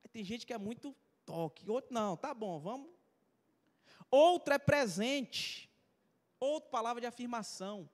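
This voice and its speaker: A man's voice: very high-pitched, expressive, normal speed, in a large hall. A man with a Brazilian accent, a pastor giving a chatty, humorous sermon full of personal stories and questions to the congregation. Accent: Brazilian Portuguese. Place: church hall.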